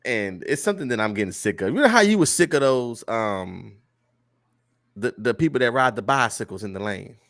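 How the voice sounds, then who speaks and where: A man hosting a casual comedy podcast, telling stories with laughs and animated energy. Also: mid-range voice, fairly quick, gravelly, dry recording, clean studio sound. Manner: animated storyteller, laughs often, loud mock-preacher bursts. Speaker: podcast host.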